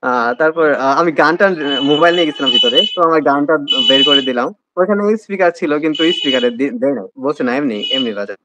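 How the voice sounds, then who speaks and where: A young man with a Bangladeshi Bengali accent talks fast in a mid-range voice, recounting his admission test as a guest in a casual interview. He hesitates a lot and fills gaps with fillers, and there's heavy background noise behind him.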